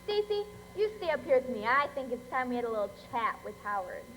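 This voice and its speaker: A woman's voice: a little high, sing-song, quick pace, a bit bright. A young actress in a school play as Connie, a bold young woman who takes charge in a crisis. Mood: determined. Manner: bold and commanding. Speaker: stage actor in a school play. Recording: echoey auditorium, faint noise.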